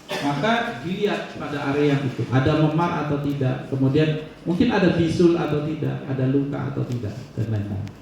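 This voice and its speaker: Guy giving a class lecture, kinda high voice, sounds far from the mic in a big echoey room. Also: expressive, moderate pace, vocal fry, a little mellow, slight background noise. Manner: explains by example, asks and answers his own questions. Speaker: instructor.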